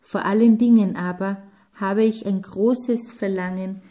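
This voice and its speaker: An earnest grown man who lost his parents as a child tells his story in a slow, mellow voice, as a woman reader speaks his lines. He talks plainly and sincerely, in a storybook reading. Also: medium pitch, steady tone, lightly acted.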